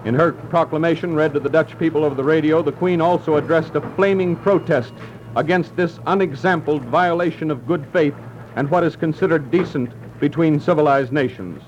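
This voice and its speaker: A man, a radio news announcer, reading a formal news bulletin in crisp, clipped announcer style, heard as an old newsreel-style archival broadcast. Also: a little high, brisk, a little mellow. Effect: old newsreel-style archival broadcast sound. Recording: muffled, hissy old radio recording.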